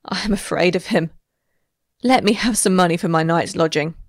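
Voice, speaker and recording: A man's voice: high-pitched, normal speed, dry recording, studio quality, pitched above the performer's own voice. A man putting on a haggard, sneering street woman. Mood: bitter pleading. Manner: hissing, sneering, whining.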